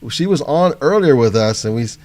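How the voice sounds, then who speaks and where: Hosting a casual live panel on a video call, this man sounds animated and a little mellow at a medium pitch, speaking fairly quickly. He's friendly and laughs readily, with faint music playing in the background.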